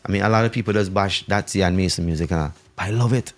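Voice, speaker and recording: A man's voice: low voice, fast talker, soft background music. A man from St Vincent with a Vincentian accent, chatting casually and giving his opinions emphatically, repeating phrases to press his point. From St Vincent, Caribbean. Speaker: talk show guest. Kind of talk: casual, animated opinion talk.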